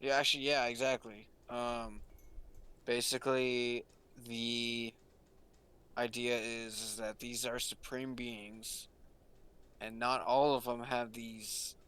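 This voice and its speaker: A man's voice: mid-range voice, little pitch movement, slow pace, fairly bright tone, smooth. Man rambling through an explanation. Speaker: podcast co-host. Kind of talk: casual chat.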